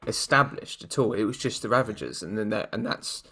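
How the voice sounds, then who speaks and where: Brief: young British guy, bright forceful tone, lively chat-show co-host. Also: lowish voice, a little fast, husky. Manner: animated, laughs often, jokey quoted voices. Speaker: podcast co-host. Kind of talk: casual chat.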